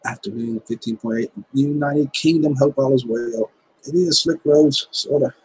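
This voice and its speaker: A gardening-channel livestream host in his fifties, with a Southern American accent, reads viewer comments in a laid-back, joking, folksy chat. His voice is a little high and slightly rough with a darkish tone, at normal speed. The recording is dry and rough.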